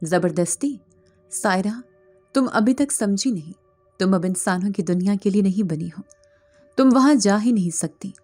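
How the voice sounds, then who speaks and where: A woman's voice: mid-range voice, lively intonation, darkish tone, soft background music, close to an everyday voice. A woman voicing a cold, possessive male jinn who speaks with icy mockery in a storybook horror tale. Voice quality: cold, mocking.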